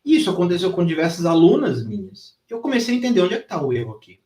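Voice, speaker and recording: Very animated and quick, the man's high voice carries a dark tone in a roomy space. He's a gym trainer turned sales mentor teaching live from home, intensely emphatic, profane, and acting out his former coaching.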